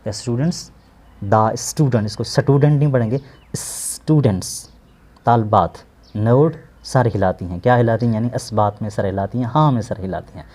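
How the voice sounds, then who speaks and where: A man's voice: lowish voice, darkish tone. Patient male teacher. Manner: patient, repeats and glosses each word slowly. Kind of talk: explaining an English textbook lesson.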